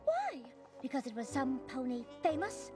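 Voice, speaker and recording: Loud music sits behind a high-pitched female voice that swoops wildly while keeping a normal speed. It's cartoon voice acting with narration: an actress as a fashionable, theatrical young mare who plays detective and tells the story, persuasive, refined and effusive about fabrics.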